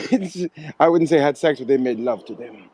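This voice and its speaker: A man's voice: mid-range voice, lively intonation, normal speed, a little mellow, rough recording. A man hosting a casual chat, who tells rambling jokey stories and laughs often. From United States. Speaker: host. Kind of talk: casual chat on a live audio room.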